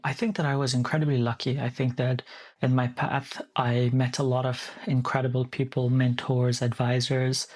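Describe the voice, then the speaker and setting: A man, answering interview questions in a measured, thoughtful way with small restarts. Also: medium pitch, little pitch movement, a little mellow. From Afghanistan. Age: 30s. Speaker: guest.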